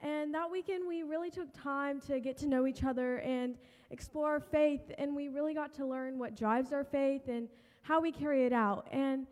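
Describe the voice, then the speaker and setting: Young female, high-pitched, youth group speaker reading a prepared church testimonial, reverberant hall. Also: a little mellow. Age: teens to young adult. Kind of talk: prepared short speech to a congregation. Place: large church room.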